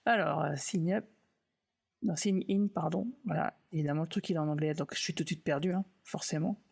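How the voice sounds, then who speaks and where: A man teaching software in a casual live stream, relaxed and self-mocking, thinking aloud with many fillers and restarts. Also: a little high, brisk, creaky, slightly rough.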